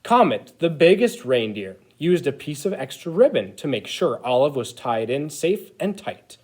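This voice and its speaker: A man playing an eager, childlike Christmas elf who reads a picture book to children in an expressive, exaggerated way. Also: on the high side, moderate pace. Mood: eager storytelling. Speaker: storyteller reading to children. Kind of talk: animated picture-book read-aloud.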